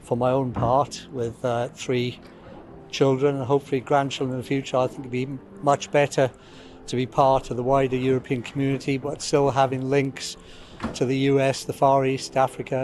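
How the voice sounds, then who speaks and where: A man's voice: medium pitch, level tone, normal speed, a little mellow, a little hiss or hum. A man in his fifties giving considered answers in an outdoor street interview.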